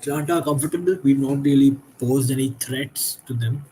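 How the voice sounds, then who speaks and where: A man's voice: medium pitch, a little fast, mellow, a little hiss or hum, low-quality recording. A tired man hosting a late-night football watchalong, giving frustrated, critical reactions to the game as it happens. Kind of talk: live match commentary and reaction.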